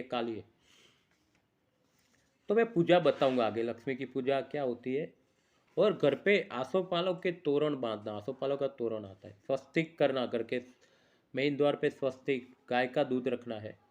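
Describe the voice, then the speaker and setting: Chatty man lecturing viewers. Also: a little high. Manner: chatty, scolding, switches between lecture and aside; recites mantras and muhurat timings. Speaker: astrologer giving festival advice. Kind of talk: casual devotional talk to viewers.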